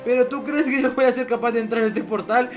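A man with a fairly light voice hosts a game roleplay, full of dramatic exclamations and excited asides to his viewers. Background music runs clearly under his voice. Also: very high voice, fast. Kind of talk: Minecraft roleplay.

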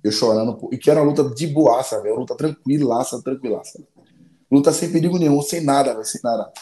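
Fast-talking man, dark echoey voice. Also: mid-range voice. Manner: rambling, repeats phrases, slangy. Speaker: interview guest, MMA fighter. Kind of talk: casual storytelling interview.

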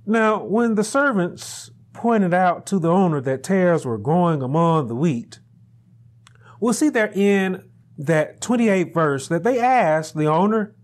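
A middle-aged man preaching a sermon at a pulpit in a small chapel, building to shouted emphasis and repeating his phrases. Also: high-pitched, animated, slow pace. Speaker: pastor. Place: small chapel room indoors, standing at a pulpit. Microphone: lapel mic.

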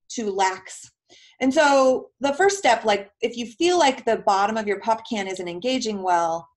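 A woman physical therapist explaining in a casual question-and-answer talk, chatty, with many filler words and homely comparisons. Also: mid-range voice.

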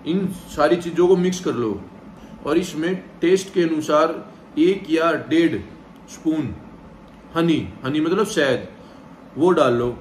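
Sitting on a sofa indoors, a gym trainer in his thirties calmly walks viewers through a vegetarian meal plan in a casual instructional vlog, speaking directly and repeating "theek hai" to check in. His voice is a little high. A distant camera with no visible mic captures him in an echoey room with slight hiss or hum.

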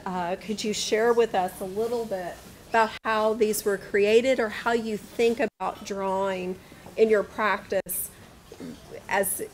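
A woman's voice: medium pitch, poor audio. A woman hosts an artist talk in a gallery, speaking with enthusiasm and asking long, winding questions. Her voice is in a middle range. A faint room hum sits behind her. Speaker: gallery host. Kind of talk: interviewing an artist.

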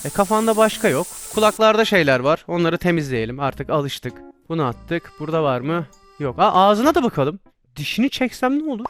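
A young-sounding man with a high, very lively voice chatters through a VR game, excitable and quick to exclaim as things go wrong. Faint game music plays under his voice. He talks casually, as if to friends. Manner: excitable, exclaiming and laughing at his own mishaps. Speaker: VR gameplay streamer. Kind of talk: casual gameplay commentary.

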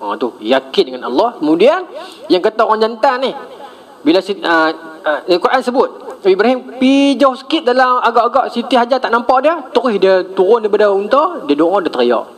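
A man's voice: high voice, a little fast. A middle-aged man giving a mosque lecture, telling stories animatedly and addressing the congregation directly. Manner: animated storytelling, addresses audience as tuan-tuan. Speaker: religious lecturer.

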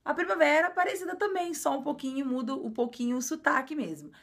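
A Brazilian woman with a Brazilian Portuguese accent, giving a casual video lesson and explaining slowly, repeating words, with frequent fillers. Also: high voice, lively intonation. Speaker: language teacher.

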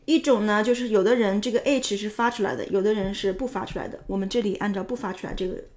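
A woman's voice: mid-range voice, quick pace, darkish tone. A woman English teacher patiently explaining sentence structure and pronunciation step by step, with frequent filler sounds.

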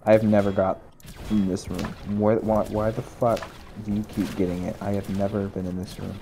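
A man's voice: lowish voice, little pitch movement, moderate pace, gravelly, over music. A man chatting with friends in voice chat during a game, blunt and offhand. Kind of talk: casual gaming chat.

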